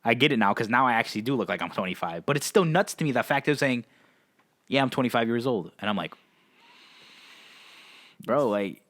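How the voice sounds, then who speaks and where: A young man in his twenties chats casually on a podcast. His voice sits at an average pitch, and he talks in a relaxed way, laughs often and keeps coming back to the same phrases. The recording is dry and close. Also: brisk, pauses often, dry recording. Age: 20s. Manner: laid-back, laughs often, repeats "that's nuts". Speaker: podcast co-host. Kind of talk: casual chat.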